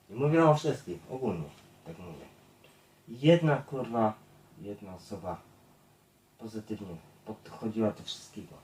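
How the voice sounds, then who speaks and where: A YouTube streamer with a fairly low, darkish voice rants bluntly and profanely to his viewers, repeating himself and addressing them again and again. He's far from the mic in an echoey room, with a slight hiss or hum in the recording.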